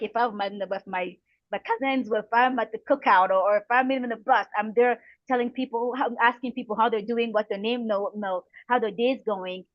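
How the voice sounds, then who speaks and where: Speaking as an interview guest, a middle-aged woman from the Republic of the Congo shares motivational advice in an earnest, encouraging way, often repeating phrases for emphasis. She is a guest speaker, coach and counselor with a fairly high-pitched voice. The audio is lo-fi with no echo.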